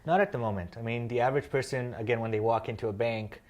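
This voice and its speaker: A man in his thirties from Kenya, a guest in an interview, explaining his work in a measured way with frequent "um" fillers. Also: mid-range voice, darkish tone, dull audio. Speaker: interview guest, social finance founder. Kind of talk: conversational interview answers.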